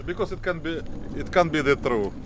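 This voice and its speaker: A man with a Russian accent, a native Russian speaker and driving instructor, chatting casually in halting English. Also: a little high, animated. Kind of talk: casual chat. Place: inside a car, later outdoors. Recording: noisy car and outdoor street.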